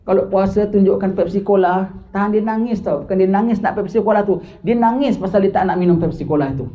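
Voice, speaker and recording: A man's voice: high voice, quick pace. An older man with a Malaysian Malay accent, giving an informal religious lecture and asking his listeners questions. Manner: conversational, asks listeners questions, mixes in English. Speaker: religious teacher. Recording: dull lo-fi lecture recording.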